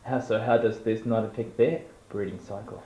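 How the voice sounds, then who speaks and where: A man's voice: lowish voice, fairly even intonation, moderate pace, warm tone. A man asking long-winded, mock-formal questions in an improvised comedy interview. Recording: roomy and dull.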